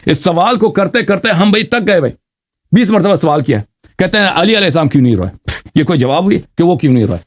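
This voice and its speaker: A man's voice: high-pitched, animated. A man arguing in a heated religious debate on a live call-in show, pressing the same pointed questions again and again. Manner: insistent, repeats pointed questions.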